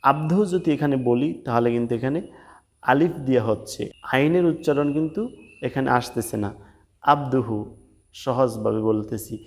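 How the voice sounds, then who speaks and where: A man leads a recitation lesson in a mid-pitched voice. He stretches each Arabic word into a slow, sung chant, then drops back into quick, plain explaining. Between the two he spells the words out letter by letter, vowel mark by vowel mark. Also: a little mellow. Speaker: religious teacher.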